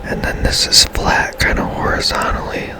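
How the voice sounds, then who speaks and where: In a hushed whisper, a man who hosts ASMR and streams games muses casually about the video game he's playing, taking his time.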